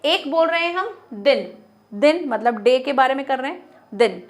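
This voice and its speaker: A young woman teacher explaining a Hindi grammar lesson, asking questions and answering them herself, repeating words slowly to model how they sound. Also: high-pitched, animated.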